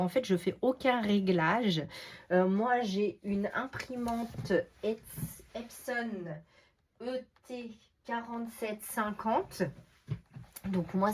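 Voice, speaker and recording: A woman hosting a casual unboxing vlog, chatty and halting, full of fillers. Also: mid-range voice. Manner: chatty, frequent "euh" and "donc" fillers; hesitant, halting delivery. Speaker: craft video host.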